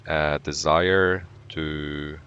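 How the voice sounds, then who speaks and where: A man from Poland, speaking English as a second language, streaming a tank game live and explaining his decisions as he plays, with relaxed banter. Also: rumbling low, very slow, muffled recording, slight background noise. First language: Polish. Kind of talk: live gameplay commentary.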